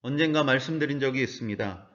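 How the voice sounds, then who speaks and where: A man's voice: medium pitch, fast, a bit bright, muffled recording. A man preaching a sermon as pastor, earnestly asking his listeners rhetorical questions.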